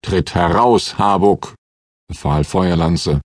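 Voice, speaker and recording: A man playing a booming deep-voiced warrior. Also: slow, dry recording, studio quality. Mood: commanding. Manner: booming, stern. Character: gruff commanding male warrior with deep bass.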